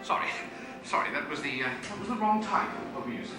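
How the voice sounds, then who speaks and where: An actor playing a pompous, theatrical scientist who hosts a theme park ride. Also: male voice, high-pitched, animated, fairly quick. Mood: flustered. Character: pompous, flustered male scientist host. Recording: very echoey, distant, loud music.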